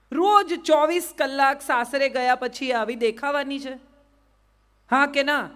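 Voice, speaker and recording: A woman's voice: high voice, a bit bright. A middle-aged woman, giving a motivational talk to a live audience and often asking them to answer yes or no. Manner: questions the crowd and asks them to answer yes or no. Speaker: motivational speaker.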